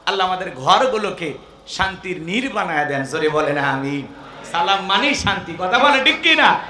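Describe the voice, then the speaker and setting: A man preaching a comic sermon to a crowd, joking, asking the listeners questions and breaking into shouts and chanting. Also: high voice, big pitch swings, moderate pace, reverberant, slight background noise. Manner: jokey, quizzes the crowd, bursts into shouts and chanting.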